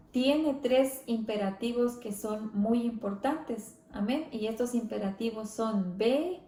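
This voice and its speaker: A woman leading a church Bible study, speaking slowly and reverently, often adding amén and gloria a Dios. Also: a little high, warm tone, echoey room. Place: church hall.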